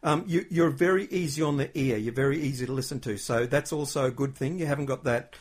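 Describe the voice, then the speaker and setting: A man hosting a podcast in easygoing conversation, chatty and full of fillers. His pitch sits in the middle range for a man, and he comes across as friendly and complimentary toward his guest. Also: fast talker, slightly rough. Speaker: podcast host. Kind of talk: casual interview chat.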